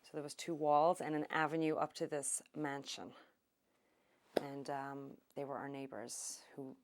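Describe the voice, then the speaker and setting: A middle-aged woman from Ireland, recalling her country childhood in an oral history interview, unhurried and thoughtful with many pauses. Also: rumbling low, steady tone, heavy background noise. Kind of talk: reminiscing interview.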